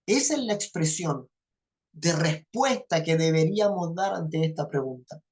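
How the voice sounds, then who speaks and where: A woman's voice: deep voice, expressive, a little slow, darkish tone. A woman teaching a Bible class. She keeps checking in with her listeners and repeats phrases for emphasis. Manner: checks understanding with frequent "¿ya?".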